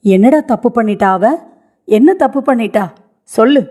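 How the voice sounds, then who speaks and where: A woman's voice: medium pitch, a little slow, darkish tone, natural voice. A woman voicing a grieving elderly grandmother in a read-aloud story, lamenting and pleading through tears. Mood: angry. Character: grieving elderly grandmother, widowed young, stubborn.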